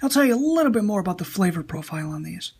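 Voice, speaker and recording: A woman's voice: on the low side, very animated, rapid-fire, darkish tone, slightly rough. A woman giving a casual video product review, talking straight to viewers.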